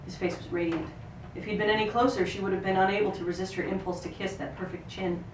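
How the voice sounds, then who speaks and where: A woman's mid-range voice, steady in tone and fast, reads fiction aloud and sounds distant and echoey. She is an actor giving a live reading of a book excerpt in third-person narration, recorded in a roomy venue by a far-off mic with noisy ambience.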